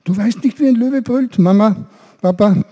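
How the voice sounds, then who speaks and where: A man's voice: high voice, normal speed. A man leading a children's service, telling a story and asking the children questions. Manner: animated, asks children questions.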